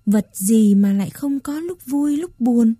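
A sighing, wise old grandmother who scolds softly, as a woman reader puts her on. The voice is dark and mellow and unhurried, with a faint husk. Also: a little high, animated, no room sound, clean studio sound. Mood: weary. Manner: soft, weary, scolding.

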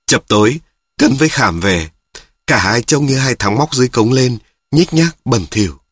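A man reads a story aloud at a steady, matter-of-fact pace. His voice is husky, mid-pitched and recorded dry. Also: normal speed, no room sound. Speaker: narrator. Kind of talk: audiobook narration.

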